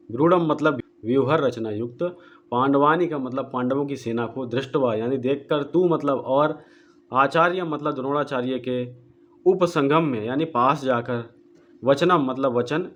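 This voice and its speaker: Man glossing Sanskrit verses slowly. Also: mid-range voice, muffled recording. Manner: slow deliberate word-by-word glossing of Sanskrit. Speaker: Gita book presenter. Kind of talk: explanatory book walkthrough.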